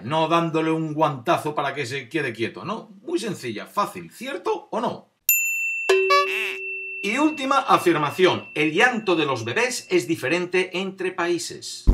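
Animated man explaining quiz answers. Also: on the high side. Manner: animated, drawn-out number reveals; addresses viewer directly, demonstrates on camera. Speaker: host of a quiz video.

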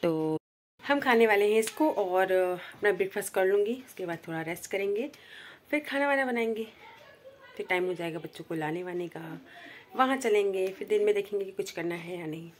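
A woman's voice: mid-range voice, a little fast, slight background noise. Chatty woman vlogging her daily routine. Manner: chatty, addresses viewers directly. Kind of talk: casual daily vlog narration.

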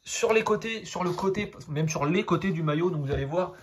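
A man's voice: high voice, fairly quick, slight background noise. A young man with a French accent reviewing a football jersey in a casual vlog, rambling and filling nearly every phrase with hesitations. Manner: rambling, fills every phrase with "donc" and "euh".

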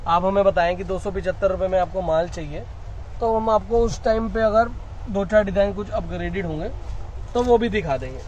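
Man, high voice, wholesale shop seller, pushy pitch, faint street noise behind. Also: a little mellow, highs cut off. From India. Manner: pushy salesman patter, keeps calling the viewer brother. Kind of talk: sales pitch video.

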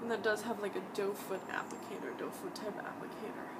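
A woman's voice: medium pitch, fairly even intonation, fairly quick. A woman in her twenties reviewing beauty products in her bedroom, talking chattily and with enthusiasm, with frequent ums and restarts. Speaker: beauty vlogger. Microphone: webcam at desk distance. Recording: distant mic, loud background noise.

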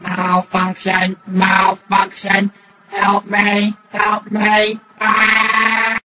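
A man voicing a malfunctioning Dalek war machine that glitches and breaks down, calling for help in a flat, grating monotone. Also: high-pitched, very slow, roomy sound, recorded from a distance, voice pushed up, full character voice. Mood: glitching panic. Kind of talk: fan-made toy figure adventure.

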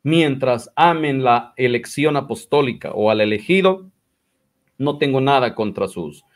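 A man's voice: medium pitch, lively intonation, a little slow. A man giving combative, mocking commentary in a religious dispute. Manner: combative, mocking, quotes others in exaggerated voices. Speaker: commentator replying to critics.

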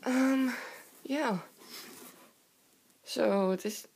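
A young woman with a hoarse, sore-throat voice from a cold, chatting casually in a halting, giggly way as she hosts a show-and-tell vlog. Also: fairly high pitch, a little mellow. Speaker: video host. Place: indoor room with wooden floor. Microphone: handheld camera close by.

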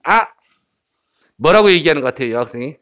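A man teaching English pronunciation in a lively, joking lecture style, jumping from loud bursts to quiet asides. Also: on the high side, quick pace, clean tone. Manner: playful, jokey, swings between loud bursts and quiet asides. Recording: dull lo-fi lecture recording.

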